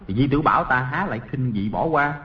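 A man's voice: medium pitch, expressive, a little fast, recorded from a distance, lightly acted. Man playing a cocky teenage boy, scheming, crude and boastful, audiobook character, dull lo-fi recording. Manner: boastful, crude inner thoughts.

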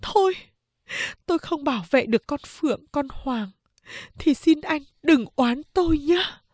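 A woman's voice: a little high, slow pace, a little mellow, breathy edge, no room sound. Woman doing a frantic old grandmother. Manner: urgent, fretful pleading. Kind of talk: audiobook character reading.

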